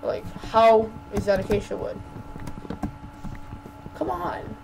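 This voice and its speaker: A woman's voice: medium pitch, animated, slow pace, gravelly, background noise. A woman giving casual gameplay commentary as a channel host, stammering and repeating words while ranting in exasperation.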